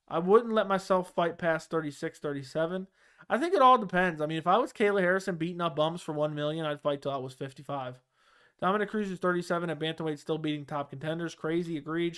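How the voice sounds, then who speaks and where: A young Baltimore man hosts a live chat show, replying to viewer comments in a loose, rambling style full of fillers and restarts. His voice sits fairly high, with a slightly bright, clean tone.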